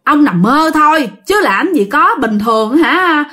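A woman's voice: high-pitched, very animated, a little slow, sharp tone, pitched above the performer's own voice, heavily acted. A woman voicing an irritated middle-aged wife who brushes off her husband's fears and nags him. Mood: dismissive. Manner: exasperated, brushing off, nagging.

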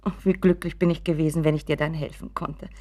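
A woman's voice: sits low, steady tone, fast talker, darkish tone. An actress playing an anxious, doting mother of a grown son in a radio play, pleading and fretful, often sinking to a whisper.

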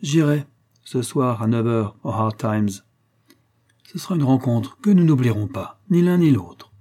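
A man's voice: medium pitch, lively intonation, measured pace, dark tone. A man reading the part of a brave, honest young man standing up to a gunman in a Western story. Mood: resolute. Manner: firm, defiant. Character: brave honest unarmed young male rival.

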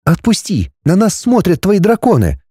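An indignant, tart young woman, as a male reader puts her on in a storybook reading, her voice pushed well up and full of outrage. Her voice swings lively from line to line. It sounds dry and close, with no room around it. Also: normal speed, slightly rough, no room sound, heavily acted. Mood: pleading. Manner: high, tart and exclaiming. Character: young woman heroine, modern, indignant and sharp-tongued.

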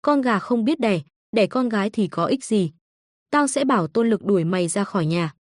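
A woman's voice: medium pitch, expressive, normal speed, no room sound, studio quality, close to an everyday voice. A woman voicing a spiteful, scheming older mother-in-law who scolds and curses shrilly in a storybook reading. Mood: wailing insults.

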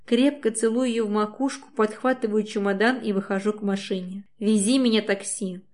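A woman's voice: mid-range voice, fairly even intonation, normal speed, a little mellow. A woman reading a first-person novel aloud in an intimate, emotional way. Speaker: audiobook reader. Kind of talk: first-person audiobook narration.

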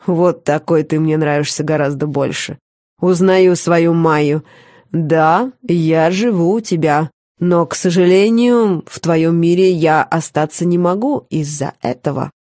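A woman reading the part of a smug male demon who teases his lover in a slow, sweet drawl. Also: deep voice, warm tone, no echo, studio quality. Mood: teasing.

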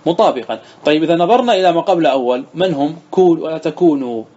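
A man teaching a grammar class as a sheikh, his voice a little high yet mellow. He reads a line of the text, explains it and asks his students questions. The recording is dull and lo-fi. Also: animated, rapid-fire. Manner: reads the text aloud then explains, quizzing students who answer.

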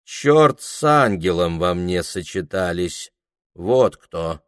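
A man's voice: sits low, lively intonation, takes it slowly, clean tone, no echo, clean studio sound. A man reading aloud, voicing a worldly woman who speaks in a chesty, mournful, mocking tone. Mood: bitter.

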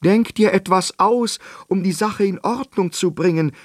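A man voicing a blustering, hot-tempered fairy-tale king who shouts his demands. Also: high-pitched, very animated, takes it slowly, no echo, studio quality, pitched above the performer's own voice, exaggerated voice. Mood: furious. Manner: loud, bellowing, demanding.

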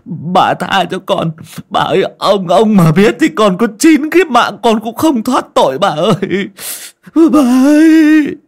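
A man's voice: mid-range voice, very animated, moderate pace, mellow, slightly rough, voice pushed up, full character voice. A man voicing a timid young male servant who stammers and begs. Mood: frightened pleading. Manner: stammering, pleading.

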